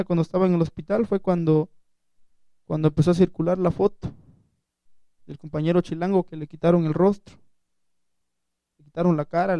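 A young man with a Mexican accent gives a personal testimony to a gathering. He retells events through quoted back-and-forth and halting restarts. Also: sits high, warm tone, clear, resonant tone, dry recording. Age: young adult. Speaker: student survivor giving testimony. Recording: dull lo-fi recording.

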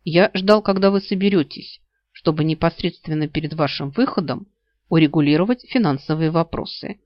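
A woman voicing a calm, courteous male financial advisor with a measured, slightly ironic manner. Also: low voice, lightly acted. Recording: slightly dull lo-fi audio.

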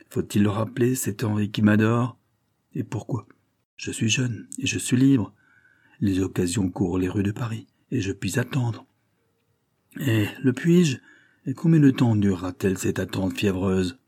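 A man's voice: medium pitch, dark tone, slightly rough, no echo, studio quality, pitched above the performer's own voice. A man voicing a scheming, proud young society widow in an audiobook, speaking in a brooding monologue.

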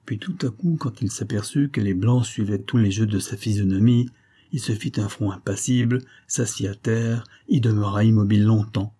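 A man narrating an adventure novel in a measured, dramatic reading. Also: fairly low pitch, warm tone, slightly rough. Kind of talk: scripted audiobook narration.

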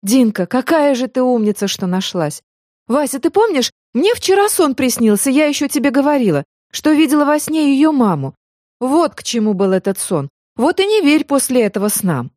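A woman's voice: high-pitched, sing-song, normal speed, darkish tone, no room sound, clean studio sound, voice pushed up. A woman reading an audiobook, voicing an emotional older mother who fusses over a long-lost girl. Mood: excited. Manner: effusive, fussing.

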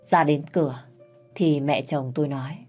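A woman narrating a family drama in the first person, calm and quiet. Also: deep voice, normal speed, faint music behind. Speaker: storyteller.

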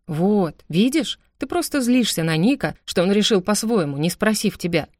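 A woman voicing a young adult man, an easygoing stepbrother who teases his sister in a calm, mildly sarcastic way. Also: mid-range voice, normal speed, dry recording, clean studio sound, natural voice. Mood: teasing calm.

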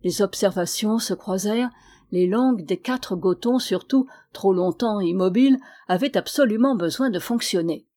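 A woman reading a historical novel aloud as an audiobook, lively, lifting her voice for the villagers' lines. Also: mid-range voice, normal speed. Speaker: audiobook reader. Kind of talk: scripted narration.

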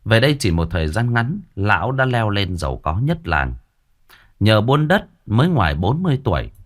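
A man narrating a ghost story in a dramatic, expressive way. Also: on the low side.

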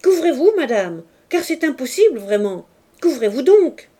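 A woman's voice: high-pitched, big pitch swings, moderate pace, warm tone, husky, voice pushed up, exaggerated voice. A woman reader voicing a prim, indignant older cousin who scolds sharply. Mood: scolding.

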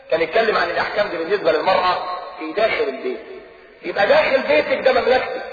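A man with an Egyptian Arabic accent preaching a lively colloquial sermon, joking and mimicking voices as he talks. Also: sits high, slight background noise. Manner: animated, mimics voices, jokes with audience. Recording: distant echoey hall, muffled old tape.

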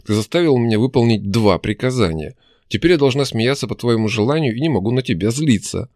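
A man's voice: medium pitch, expressive, quick pace, a little mellow, no room sound, studio quality, lightly acted. A man voicing a sulky, spiteful young female demon in an audiobook, with a raised, petulant, mocking delivery. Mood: sullen.

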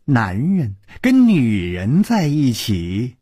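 A man voicing a sly young woman who teases and taunts in murmured half-whispers, with a very husky voice. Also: very deep voice, wildly swooping pitch, slow pace, mellow, no echo, clean studio sound, voice pushed down, heavily acted. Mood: taunting.

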